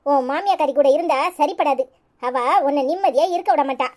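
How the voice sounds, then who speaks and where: Woman as a bossy, scheming cartoon mother, Tirunelveli accent, hushed and high-pitched. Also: brisk, lightly acted. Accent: Tirunelveli Tamil. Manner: low-voiced, conspiring.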